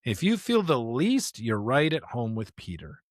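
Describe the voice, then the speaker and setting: At the podcast table, a man with a medium-pitched, very animated voice slips into sermon-like passages during the discussion, speaking at a measured pace. He's emphatic, repeating rhetorical questions and phrases to drive points home, and the recording is close and dry with no room sound.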